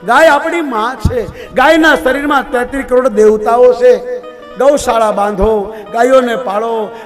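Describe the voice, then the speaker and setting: High-voiced preacher over devotional music. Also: male voice. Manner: fatherly, exhorting, calls listeners "my dear father". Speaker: temple mahant, scripture-story preacher. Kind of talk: live devotional scripture-story sermon. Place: open ground at a live religious gathering. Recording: devotional music playing under the voice.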